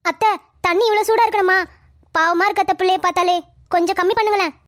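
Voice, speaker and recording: A timid cartoon daughter-in-law. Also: female voice, very high voice, fairly even intonation, quick pace, no echo, clean studio sound. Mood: pleading. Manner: pleading, soft and hesitant. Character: timid young daughter-in-law and new mother, gentle. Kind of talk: cartoon family drama voicing.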